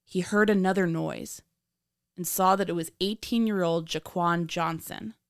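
A woman hosting a podcast, reading scripted true crime narration in a measured, dramatic storytelling manner. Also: fairly low pitch, steady tone, smooth, no room sound, studio quality. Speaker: podcast host.

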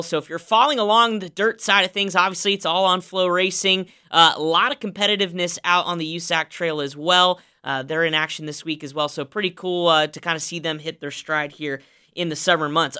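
A man's voice: sits high, steady tone, brisk, pushed and bright, smooth. A man co-hosting a racing podcast, recapping the week's races in an upbeat, emphatic way with many fillers. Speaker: podcast co-host.

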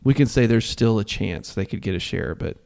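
A man co-hosting a sports podcast, chatting casually and breaking into animated, mocking jokes. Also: a little fast, gravelly, slight background noise. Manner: animated, mocking, jumps high when joking. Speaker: podcast co-host.

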